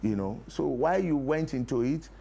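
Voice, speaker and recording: In a TV studio interview, a middle-aged or older Nigerian man who produces plays lays out his ideas and repeats important phrases for emphasis. He sounds animated and mellow, at a medium pitch and moderate pace, with clear background noise.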